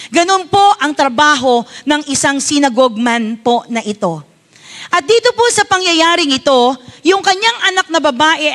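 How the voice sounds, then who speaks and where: A woman's voice: sits high, fairly bright tone. A woman pastor with a Filipino accent preaching a sermon, telling a story as a mother and often asking her congregation for agreement. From Philippines. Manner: tells a personal story as a mother.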